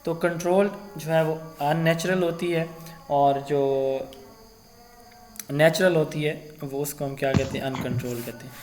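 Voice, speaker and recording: Male lecturer, slightly high voice. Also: steady tone, darkish tone, faint music behind. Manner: explains with classroom examples and quiz questions. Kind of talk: recorded lecture.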